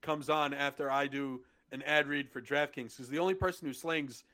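A man's voice: on the high side, fairly even intonation, moderate pace, pushed and bright. A man co-hosting a podcast, blunt and joking, moving between casual sports talk and sponsor reads. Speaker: podcast co-host.

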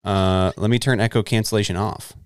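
Smooth-voiced, rambling podcast host. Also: male voice, fairly low pitch, fairly even intonation, a little fast, dry recording, studio quality. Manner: loose, rambling, swears casually. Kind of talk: casual chat.

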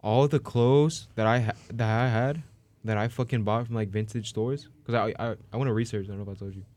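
A man's voice: lowish voice, steady tone, brisk, darkish tone. A young man co-hosting a podcast, telling stories casually in slangy, sweary bro talk. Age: young adult. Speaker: podcast co-host. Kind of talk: casual storytelling among friends.

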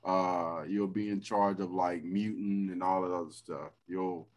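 A man's voice: sits low, fairly even intonation, a little slow. A man in his thirties hosting a podcast in a laid-back, casual way, talking over a video call. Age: 30s. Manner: laid-back, says "dog" and "man" often. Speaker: podcast host. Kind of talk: casual chat.

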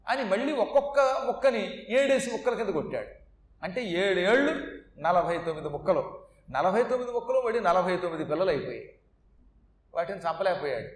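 A man's voice: high-pitched, lively intonation, a little fast. A man narrating a devotional story in an earnest, explanatory way. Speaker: religious storyteller. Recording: echoey room.

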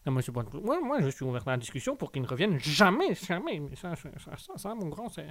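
A man voicing a grumpy, dismissive older woman who grumbles in a low voice, on a dry close mic. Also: big pitch swings, brisk, a crowd in the background. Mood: grumbling.

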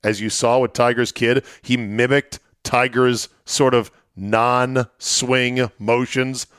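A middle-aged man hosts casual sports talk in a mid-pitched voice. He explains in short, stacked phrases, and the sound is close and dry. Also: little pitch movement, slow, a bit bright, smooth, no echo.

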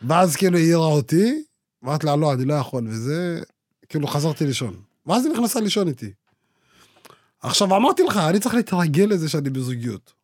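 A young man co-hosting a chatty podcast, his voice sitting high and swinging widely as he tells a story. He talks in loose, animated slang. The recording is dry and close, with no room sound. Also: dry recording. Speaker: podcast co-host. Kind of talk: casual chat.

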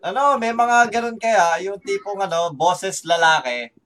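A man's voice: high-pitched, measured pace, fairly bright tone. A man co-hosting a casual podcast chat, earnest and explaining at length with many fillers. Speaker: podcast co-host.

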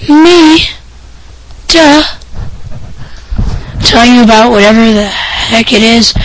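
A woman hosting an amateur podcast with a hoarse, scratchy voice, rambling and offhand as she chats and reads out items. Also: a little high, flat delivery, normal speed. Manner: rambling, offhand, self-interrupting. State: hoarse voice, clearing throat. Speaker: podcast host. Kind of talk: casual amateur podcast talk, part reading news items.

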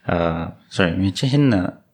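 Deep-voiced man, upbeat interviewer. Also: animated, unhurried, slight background noise. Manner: upbeat, mixes English words into speech. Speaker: interviewer host. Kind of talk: casual interview chat.

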